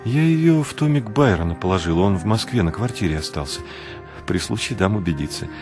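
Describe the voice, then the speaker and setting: A man voicing an emotional woman devoted to her lover, speaking softly and from the heart. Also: fairly low pitch, expressive, a little fast, in a large hall, music in the background. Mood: reassuring.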